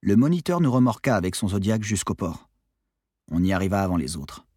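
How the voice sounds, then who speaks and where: Low husky male audiobook narrator. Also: very animated, fairly quick, warm tone, dry recording, studio quality.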